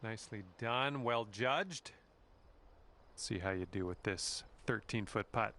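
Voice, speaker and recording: An actor playing a friendly golf game commentator who speaks calmly and encouragingly to the player in scripted lines. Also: male voice, on the low side, takes it slowly, a little hiss or hum, full character voice.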